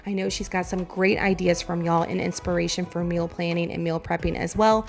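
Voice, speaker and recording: Southern us lady doing chatty meal prep voiceover, voice hoarse n giving out, bit creaky, music behind. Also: on the low side, steady tone, a little fast. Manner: chatty, enthusiastic, addresses viewers directly. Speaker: home cooking vlogger.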